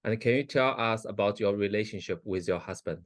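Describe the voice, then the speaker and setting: A man in a mock hearing, asking formal questions in a measured way. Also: lowish voice, dry recording, clean studio sound.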